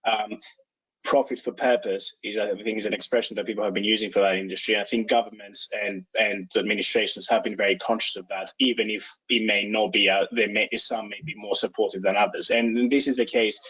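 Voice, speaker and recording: Greek-born guy on a video call panel, lowish voice, careful and hedging, muffled audio. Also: fairly even intonation, fairly bright tone, slightly rough. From Greece. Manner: measured, cautious, hesitant restarts. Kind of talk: panel discussion.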